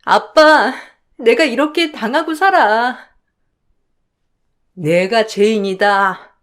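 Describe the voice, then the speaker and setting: A woman's voice: a little high, slow, a bit bright. A woman doing a wailing, self-pitying old mother-in-law.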